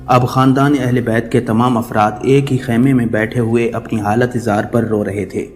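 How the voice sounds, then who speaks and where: A man's voice: medium pitch, little pitch movement, darkish tone, big-room sound, soft background music. A man telling a mournful religious story in solemn, scripted narration.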